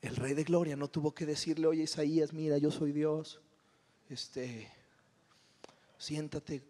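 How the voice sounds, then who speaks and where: Mexican male pastor, high-pitched, animated humorous preacher, recorded in a reverberant church hall. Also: a little slow. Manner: animated, humorous storytelling with dramatic retellings. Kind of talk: sermon.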